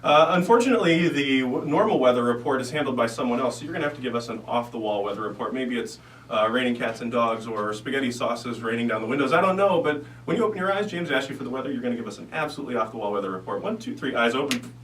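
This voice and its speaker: A man's voice: mid-range voice, lively intonation, fast, fairly bright tone. A man speaking as a stage hypnotist and radio guest, chatting and giving instructions. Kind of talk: conversational interview and hypnosis instructions. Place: radio studio. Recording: echoey room, distant mic, faint hum.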